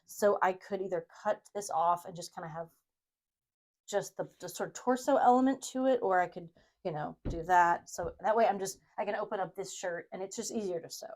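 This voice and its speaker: A woman's voice: lowish voice, a little fast, a little mellow. A woman hosting a crafting video, chatting casually and rambling in a self-deprecating, giggly way as she works. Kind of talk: casual brainstorming chat while sewing.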